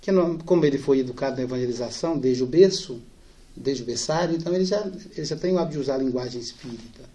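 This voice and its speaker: A man giving a spiritist lecture, telling family anecdotes lively and softening for the sad parts. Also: medium pitch, fast. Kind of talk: storytelling lecture.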